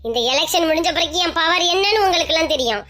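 A woman's voice: extremely high pitch, animated, fast, bright, forceful tone. A woman with a Kanyakumari accent performing a comic village skit, boastful and quarrelsome. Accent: Kanyakumari Tamil. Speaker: comedy skit creator.

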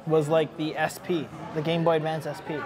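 A young man chatting casually with a friend at a brewery, animated and joking as he rambles through stories. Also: fairly high pitch, a little fast, a crowd in the background. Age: young adult. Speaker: friend and co-host. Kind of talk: casual chat. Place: dim brewery taproom, indoors. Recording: music clearly underneath. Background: music playing.

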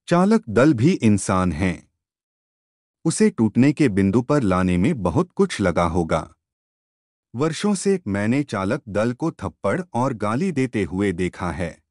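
A man reading a news story as a scripted voice-over in a measured way. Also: on the low side, darkish tone, no room sound, studio quality. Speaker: news narrator.

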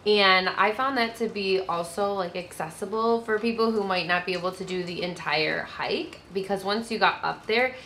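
A woman in her thirties chatting casually as a travel vlogger, seated outdoors beside a camper with a relaxed, friendly manner. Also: mid-range voice, normal speed, few pauses, a little hiss or hum. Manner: relaxed, friendly, with easy laughs.

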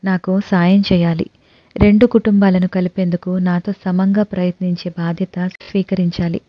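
A woman narrating a novel in the first person, her voice sitting on the lower side. The delivery is lively and expressive. The recording sounds dry and slightly muffled. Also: moderate pace, no room sound.

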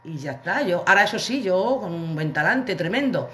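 Bright-voiced woman telling a story. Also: lowish voice, lively intonation, brisk. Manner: chatty, colloquial, comic anecdote with acted quotes. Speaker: livestream host. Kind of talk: casual storytelling to viewers. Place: her living room.

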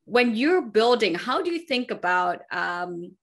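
A woman's voice: medium pitch, big pitch swings, a little slow, a bit bright. A young woman from Malaysia hosting an interview over a video call, affirming her guest and asking long, carefully framed questions. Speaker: host. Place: home room.

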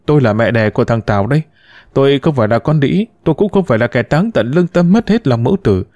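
A young mother in a storybook, emotional and pleading as she speaks of the son she left behind, voiced by a man reading aloud. The voice is mellow and dark-toned with lively pitch swings. The recording is dry and close. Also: fast talker, no echo, close to an everyday voice. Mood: anguished pleading. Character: young woman, anguished mother who abandoned her son.

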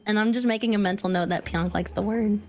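A woman's voice: mid-range voice, fast talker, over a noisy crowd. A woman chatting playfully and giggling in casual game voice chat. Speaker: gamer in group voice chat.

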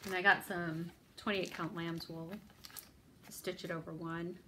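A woman's voice: on the low side, level tone, a little slow, background noise. A woman hosting a needlework video, chatting casually about her stitching projects in a rambling, self-deprecating way. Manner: rambling, self-deprecating, lots of ums and restarts.

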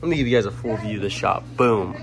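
Talking fast in a lowish voice, a young adult vlogger from Louisiana cheerfully shows viewers around, speaking straight to them. The handheld camera, held close, picks up a little hiss or hum as he goes from outside by a waterside dock into a small shop.

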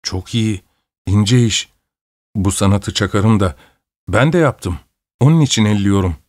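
A man's voice: lowish voice, measured pace, darkish tone, dry recording, clean studio sound, natural voice. A man voicing a sly, cocky young male laborer who teases his friend in an audiobook. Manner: cocky, teasing.

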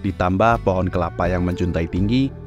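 A man narrating his travel vlog in a calm, reflective scripted voice-over. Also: low voice, a little fast, highs cut off. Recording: voice-over over loud music.

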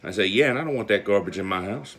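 An amateur video blogger chats casually to his phone camera, held at arm's length in a small indoor room with a panel ceiling, telling stories in a blunt, folksy way. His lowish, fairly bright voice is expressive and fast.

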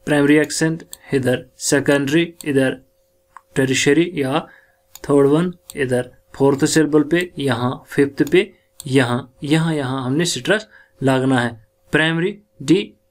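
A man teaching English word stress, sounding out words slowly syllable by syllable and mixing Hindi with English. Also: a little high. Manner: mixes Hindi and English in explanations. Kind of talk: classroom lecture on word stress.

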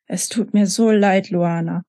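A woman reading the lines of a mother who speaks softly and coaxingly, full of guilt. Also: medium pitch, fairly even intonation, unhurried, no echo, clean studio sound, natural voice. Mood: soothing. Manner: soft, coaxing. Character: mother, gentle and soothing, guilty.

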